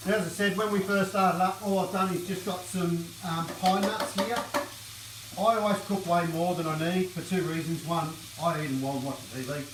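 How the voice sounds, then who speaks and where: A woman's voice: on the low side, fairly even intonation, a little fast, roomy sound, far from the mic, noisy background. Easygoing woman demonstrating a recipe. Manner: easygoing, practical, explaining steps. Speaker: cooking show co-host. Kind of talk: casual cooking demonstration. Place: home kitchen.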